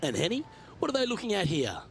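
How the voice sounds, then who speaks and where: A man's voice: high-pitched, wildly swooping pitch, fast talker, gravelly, a faint crowd, a little hiss or hum. A man giving golf commentary as the lead announcer of a tournament.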